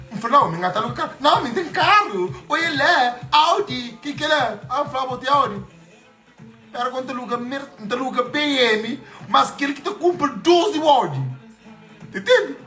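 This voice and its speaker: A man's voice: extremely high pitch, lively intonation, normal speed, sharp tone. Boastful man livestreaming from home. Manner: boastful, switches between Portuguese and French. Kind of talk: casual live stream chatter. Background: faint music.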